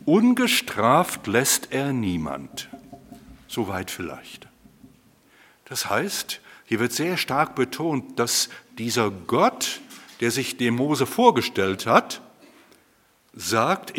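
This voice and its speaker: Husky preacher man in a reverberant hall. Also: mid-range voice. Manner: conversational, animated, addressing the congregation directly. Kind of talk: sermon. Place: church hall before a congregation.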